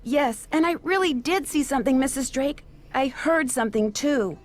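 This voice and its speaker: An actress voicing a young woman detective in a video game, earnest and brisk. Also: high voice, lively intonation, faint music behind. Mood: insistent. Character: young woman amateur detective, curious and plucky.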